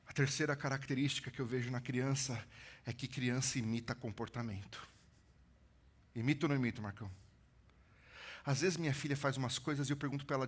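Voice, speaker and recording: A man in his thirties, a pastor from São Paulo with a São Paulo accent, preaching a sermon with animated storytelling that swings from loud build-ups to hushed lines. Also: fairly high pitch. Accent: São Paulo Brazilian Portuguese. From São Paulo, Brazil. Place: church stage.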